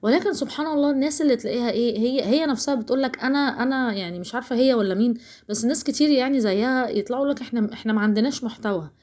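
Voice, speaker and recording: A fast, chatty woman from Alexandria talks viewers through her cooking in a casual home vlog, her Alexandrian Egyptian accent plain throughout. Her voice sits a little high, and she rambles freely, addressing her audience directly. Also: darkish tone. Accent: Alexandrian Egyptian Arabic. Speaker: cooking vlogger.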